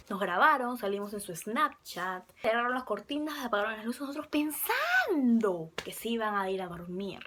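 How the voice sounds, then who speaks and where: A young woman casually telling a fan story to camera, chatty and excitable, sometimes dropping to a whisper. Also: fairly high pitch, a little hiss or hum. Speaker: fan vlogger.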